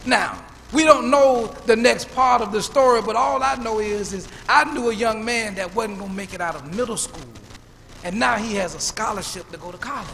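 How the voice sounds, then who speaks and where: Male pastor, fifties, high voice, storytelling sermon, reverberant church hall. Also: normal speed, vocal fry, fairly bright tone. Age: 50s. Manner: preacherly storytelling, repeats words when building up. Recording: church hall reverb, faint room noise.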